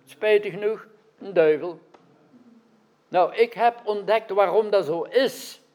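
A man's voice: high-pitched, slow, a little mellow. A man preaching a sermon, often asking his listeners questions and checking that they follow. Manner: questions the audience, adds frequent "right?" checks. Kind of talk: interactive sermon.

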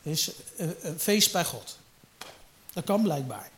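A man preaching a sermon, swinging from loud emphatic peaks to low, quiet storytelling. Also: big pitch swings, measured pace, slight background noise.

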